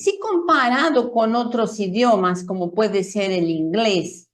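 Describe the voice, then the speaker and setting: A woman teaching a pronunciation lesson, explaining slowly and carefully with spoken demonstrations. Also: fairly high pitch, reverberant. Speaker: Spanish teacher.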